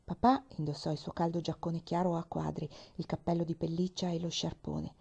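A woman narrating a children's novel aloud, expressive and sometimes dropping to a whisper. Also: fairly low pitch, a little fast, vocal fry, slightly rough, highs cut off. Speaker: reader. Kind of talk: audiobook narration.

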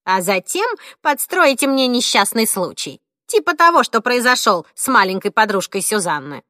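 A woman reading an audiobook, voicing a cantankerous 86-year-old woman who snaps and scolds in a shrill, indignant voice. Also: sing-song, moderate pace, sharp tone, no room sound, clean studio sound.

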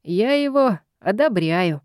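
A woman's voice: medium pitch, lively intonation, moderate pace, dark tone, dry recording, clean studio sound, close to an everyday voice. A woman reading an audiobook, voicing an exasperated young man who pleads with his meddling mother. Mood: wry.

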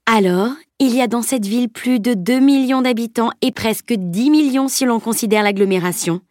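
A woman's voice: fairly high pitch, normal speed, a little mellow, no room sound, clean studio sound, voice pushed up, lightly acted. A woman reading an audiobook voices a firm, reasoning teenage girl. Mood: determined.

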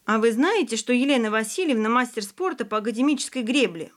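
A woman's voice: a little high, lively intonation, fast, pitched above the performer's own voice, lightly acted. A woman reading the lines of a cheerful, teasing young male student teacher in an audiobook.

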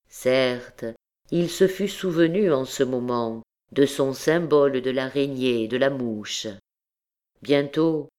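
A woman reading a classic novel aloud as an audiobook, in a measured, solemn way. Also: extremely low pitch, darkish tone, clear, resonant tone. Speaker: audiobook narrator. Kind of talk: scripted literary narration.

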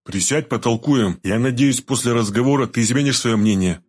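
A man voicing a world-weary male deputy commander who speaks slowly in a rueful, confiding way. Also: medium pitch, breathy edge, lightly acted.

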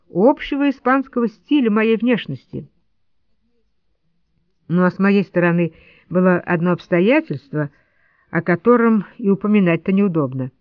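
Reading her memoir-style audiobook in the first person, a woman at medium pitch tells the story with wry, gentle irony. The studio recording is dry, dull and lo-fi.

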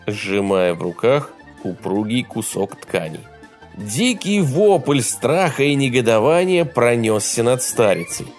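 Male audiobook reader, lively pitch, faint music underneath. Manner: expressive, dramatic reading. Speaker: audiobook narrator. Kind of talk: audiobook narration.

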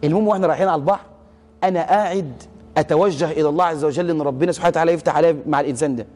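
A man's voice: on the high side, rapid-fire, long reverb tail. A man preaching in an Egyptian Arabic accent, telling stories animatedly and acting out the dialogue. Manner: animated storyteller, acts out dialogue, swears oaths for emphasis. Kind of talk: storytelling sermon.

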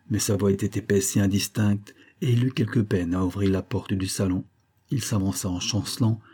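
A man reading a classic novel aloud in a measured, dramatic narration. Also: fairly low pitch, dark tone, breathy edge. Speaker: audiobook reader.

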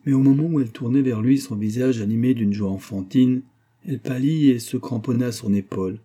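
A man reading a classic novel aloud in measured, expressive scripted narration. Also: mid-range voice. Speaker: audiobook reader.

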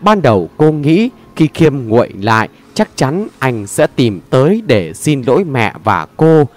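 Guy narrating an audio story, lively pitch, mid voice, really expressive. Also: measured pace.

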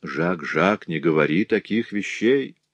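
Guy doing a shrill scheming creole woman, high and pushy, audiobook. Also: expressive, measured pace, no room sound, lo-fi sound. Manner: shrill, theatrically passionate.

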